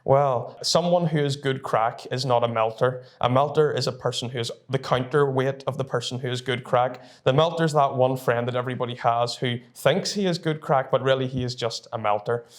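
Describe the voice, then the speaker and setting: A man's voice: medium pitch, a little fast, few pauses. Young Northern Irish man, casual and chatty. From North Down, Northern Ireland. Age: early 20s. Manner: informal, chatty. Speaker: university student presenter. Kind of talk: casual explainer to camera.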